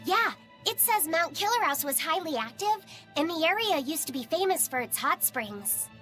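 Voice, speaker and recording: A woman's voice: very high voice, lively intonation, moderate pace, a bit bright, soft background music. A woman voicing a shy, earnest young boy in a video game, speaking in a hesitant, polite way. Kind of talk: game voice acting.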